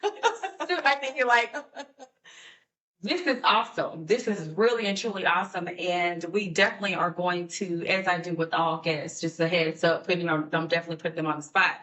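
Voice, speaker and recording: A woman's voice: lowish voice, a little fast, a bit bright, distant mic. Enthusiastic woman podcast host. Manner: enthusiastic, affirming. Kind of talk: hosting a podcast panel.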